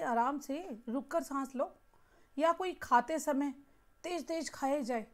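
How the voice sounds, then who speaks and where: Slow, high-voiced woman teaching grammar. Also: fairly bright tone. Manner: explains patiently with everyday examples. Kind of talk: classroom lecture.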